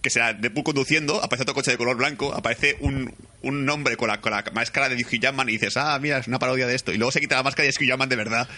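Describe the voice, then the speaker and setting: A man from Spain with a Spain Spanish accent, excitedly reviewing a film in casual chat, swearing and acting out scenes. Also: mid-range voice, fast, few pauses. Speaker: podcast co-host.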